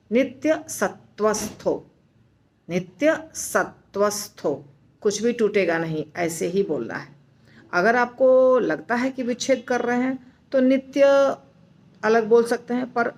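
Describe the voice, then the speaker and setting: A woman teaching recitation, explaining slowly and patiently, repeating words syllable by syllable and reassuring her students. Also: mid-range voice, vocal fry, darkish tone. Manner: reassuring, instructive. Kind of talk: slow explanatory lesson.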